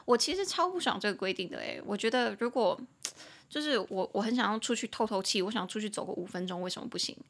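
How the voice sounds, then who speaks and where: Young woman, lively and bright-toned, casual bilingual teacher. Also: mid-range voice, vocal fry. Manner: chatty, switches between Mandarin and careful slow English. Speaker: podcast English teacher.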